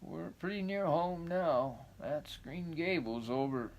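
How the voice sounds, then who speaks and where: A man voicing a shy old country farmer in a storybook, talking slowly and hesitantly with a folksy drawl. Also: fairly high pitch, expressive, muffled recording, pitched above the performer's own voice. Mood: quiet pleasure.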